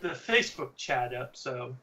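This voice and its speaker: A man's voice: medium pitch, expressive, unhurried, bright, forceful tone, slight background noise, poor audio. A man on a video call joining a live-stream chat, teasing the others and stammering as he starts his sentences.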